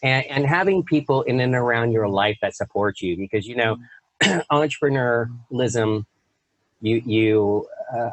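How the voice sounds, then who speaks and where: A male host chatting on a video call, quick to laugh and full of fillers and restarts. His pitch sits in an ordinary middle range. The sound is dry and close, with no room around it. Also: no room sound, rough recording. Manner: laughs often, lively and hesitant with fillers. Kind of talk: casual interview chat.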